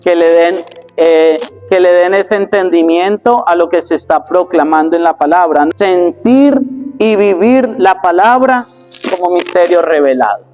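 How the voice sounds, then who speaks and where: A priest, teaching a workshop for church readers and often checking in with rhetorical questions. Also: male voice, sits high, lively intonation, unhurried, a little mellow, faint music behind. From Colombia. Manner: explanatory, asks the audience rhetorical questions.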